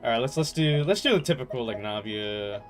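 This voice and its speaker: This man in his twenties keeps up a casual, teasing running chat with his audience while gaming, responding to viewers as game music plays. He sounds animated and brisk, with a mid-range voice.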